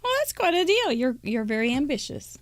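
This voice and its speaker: A woman's voice: high voice, very animated, a little fast, dry recording. A woman in her fifties hosting a live crafting show, chatty and upbeat, laughing often. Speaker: host.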